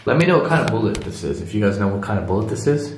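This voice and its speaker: A male vlogger with a fairly low voice talks casually to his viewers. He holds the camera himself indoors, and clear noise runs through the recording. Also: sing-song, rapid-fire, roomy sound. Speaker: vlogger and urban explorer host. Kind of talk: casual vlog chat. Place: empty abandoned building indoors at night. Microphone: handheld camera at arm's length. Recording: noisy handheld camera audio.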